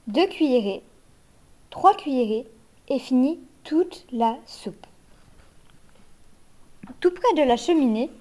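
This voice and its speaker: Gentle woman reading a fairy tale. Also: high voice. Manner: gentle, measured storytelling. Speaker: narrator. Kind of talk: reading a children's story aloud.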